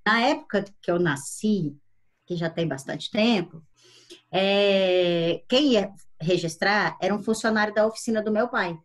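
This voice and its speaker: A middle-aged woman from Brazil, a guest on a video-call interview, telling stories in a lively way. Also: mid-range voice. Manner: lively storytelling, quick laughs.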